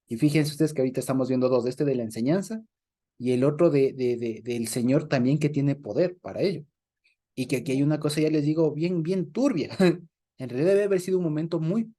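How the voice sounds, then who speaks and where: Animated man leading a Bible study. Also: mid-range voice. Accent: Ecuadorian Spanish. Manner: animated, laughs often, acts out voices in quotes.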